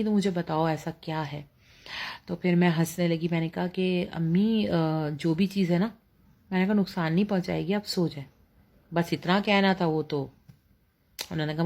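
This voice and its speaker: A woman's voice: lowish voice, a little mellow. A middle-aged woman with a Pakistani Urdu accent telling a personal ghost story casually, with many fillers, acting out her mother's words.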